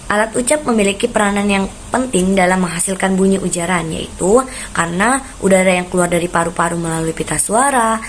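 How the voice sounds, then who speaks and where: A woman giving an instructional lecture, setting out her points in order in a measured way with deliberate pauses. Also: mid-range voice. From Indonesia. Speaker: lecturer presenting a course module. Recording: noticeable background noise.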